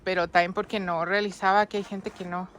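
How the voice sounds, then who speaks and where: A woman's voice: mid-range voice, little pitch movement, fairly quick, fairly bright tone. Female vlogger, casual walkthrough on a phone outdoors, faint noise. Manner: chatty, addresses viewers constantly. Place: outdoors in deep snow.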